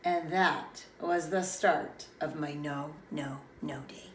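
Slow, expressive woman reading a storybook. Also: low-pitched, a little hiss or hum. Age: middle-aged. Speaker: preschool teacher. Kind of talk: children's storybook read-aloud. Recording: roomy, distant mic, faint ambience.

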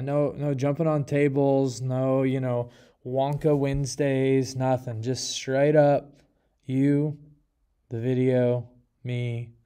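A man's voice: medium pitch, vocal fry, dark tone. A man teaching a coding lesson in a casual, chatty way, with joking asides and lots of fillers. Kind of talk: casual screen-recorded coding tutorial.

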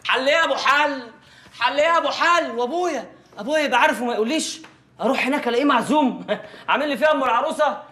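A drunk, heartbroken Egyptian young man rants in a high, bright, fast voice. He keeps yelling the same questions over and over in a roomy, echoing space. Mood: ranting. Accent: Egyptian Arabic. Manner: loud repetitive ranting, shouting questions. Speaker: jilted friend ranting.

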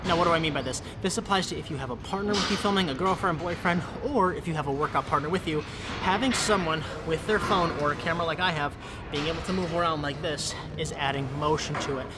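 This young fitness vlogger talks fast with a voice on the high side, and the surroundings are very noisy. He's in a large indoor gym making a casual how-to, chatty as he explains each step to a nearby camera on a tripod.

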